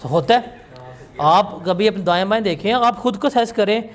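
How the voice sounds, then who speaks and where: A man's voice: high-pitched, moderate pace. A male teacher giving a classroom lecture in a blunt, scolding, emphatic way.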